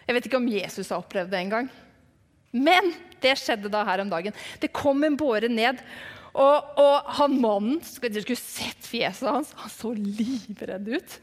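A woman telling a Bible story to children as if she had seen it, lively and dramatic, dropping to hushed whispers for suspense. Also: a little high. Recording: long hall reverb.

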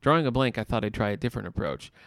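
A man co-hosting a podcast, reading a novel chapter aloud and chatting about it in a plain, steady way. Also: lowish voice, very fast, no room sound. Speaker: podcast co-host.

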